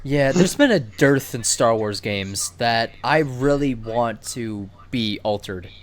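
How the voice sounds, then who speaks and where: A man's voice: medium pitch, expressive, takes it slowly. A man hosting a casual podcast, rambling enthusiastically and swearing casually, recorded over a voice call. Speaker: podcast host. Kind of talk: casual chat. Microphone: computer mic on a voice call.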